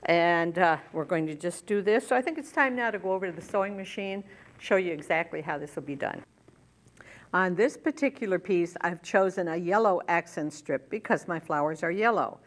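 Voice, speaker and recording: A woman's voice: fairly low pitch, moderate pace. An older woman hosting a quilting show, explaining each step as she works with her hands. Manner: friendly step-by-step explaining, talking while working. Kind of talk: hands-on sewing demonstration.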